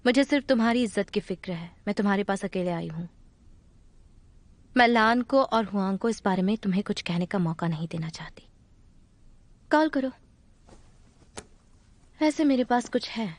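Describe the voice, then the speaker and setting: A woman's voice: medium pitch, lively intonation, normal speed, pauses often, darkish tone, dry recording, natural voice. A woman voicing a coaxing young woman. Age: young adult. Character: caring young woman urging money on a proud friend. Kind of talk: Hindi dub of a drama.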